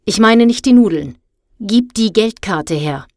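A woman's voice: mid-range voice, normal speed, husky, dry recording, studio quality. A woman voicing a stern middle-aged house mother in a storybook reading, with a cold and harsh scolding manner. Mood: icy scolding.

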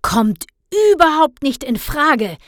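A woman's voice: high voice, expressive, slow, a bit bright, no echo, clean studio sound, voice pushed up, full character voice. Woman doing a grumpy stingy dad. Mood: grumbling. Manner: scolding, indignant. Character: grumpy stingy middle-aged father.

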